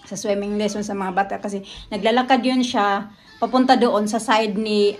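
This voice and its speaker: A woman's voice: medium pitch, steady tone, moderate pace. Chatty woman vlogger from the Philippines. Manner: chatty storytelling, often addresses viewers directly. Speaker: family vlogger. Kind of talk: casual chat to viewers.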